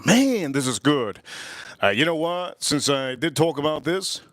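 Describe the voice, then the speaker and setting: An expressive, unhurried man with a fairly bright, higher-pitched voice tastes whiskey on a casual stream. The American reviewer is enthusiastic, repeats his phrases, and sighs and exclaims between sips. No room sound is audible.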